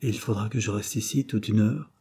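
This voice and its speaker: A man's voice: on the low side, a little fast, gravelly, mellow, husky. A man voicing a meek, timid little working man who speaks plaintively and hesitantly.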